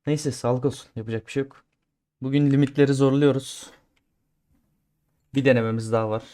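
A man streaming a game and talking his viewers through each try in a casual, chatty way. He grumbles when things go wrong and cheers loudly when they go right. His voice sits in an ordinary middle pitch. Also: fairly even intonation, a little fast. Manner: chatty, talks to viewers as he plays; swings between grumbling and loud cheering. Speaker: gaming streamer. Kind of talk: casual gameplay commentary.

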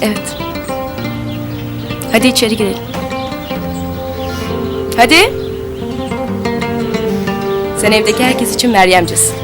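An actress playing a woman who soothes and begs someone to calm down. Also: a little high, a little slow, pauses often, loud music behind the voice, lightly acted. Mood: reassuring. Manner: soothing, then desperately pleading.

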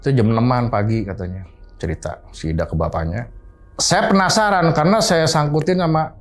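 A man's voice: mid-range voice, fairly quick. A man, casually recounting a horror story from his boarding house and acting out what people said. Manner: animated retelling, acting out quoted dialogue.

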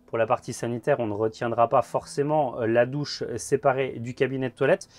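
A man in his thirties gives a guided tour inside a motorhome at a trade fair, talking in a measured way with frequent filler words. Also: medium pitch, steady tone, darkish tone, soft background music. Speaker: motorhome show presenter. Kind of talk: guided vehicle walkthrough.

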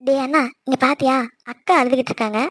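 A woman's voice: high voice, steady tone, fast, a bit bright, no echo, clean studio sound. A woman voicing a cheeky younger sister who teases her brother and chatters curiously. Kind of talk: cartoon voice acting.

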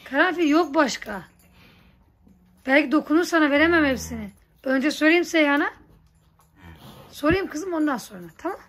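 A woman vlogging in a village, coaxing and scolding her farm animals and talking softly to viewers. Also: high-pitched, lively intonation, moderate pace, pauses often. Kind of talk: casual vlog talk to animals and viewers. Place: village garden and barn, outdoors. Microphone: phone camera.

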